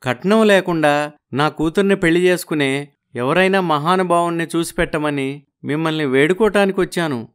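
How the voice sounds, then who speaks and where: Brief: man voicing humble, pleading poor father, slightly high voice, cartoon story. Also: moderate pace, clean tone, close to an everyday voice. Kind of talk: animated storybook voice acting.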